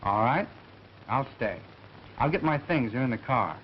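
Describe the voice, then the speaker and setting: An actor as a courteous doctor who turns brisk with orders, in 1930s film style. His pitch moves widely. The soundtrack is muffled with faint noise. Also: lively intonation, close to an everyday voice. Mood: courteous, reassuring. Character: brisk, reassuring gentleman doctor, devoted fiancé. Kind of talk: early 1930s film acting.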